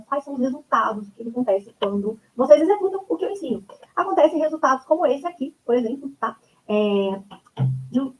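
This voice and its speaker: A Brazilian woman in her thirties gives a webinar presentation of her course. She talks quickly in a fairly high voice. She keeps tossing in little check-in tags as she goes. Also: poor audio. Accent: Brazilian Portuguese. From Brazil (Goiânia). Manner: chatty, leans on tags like "né?" and "tá?".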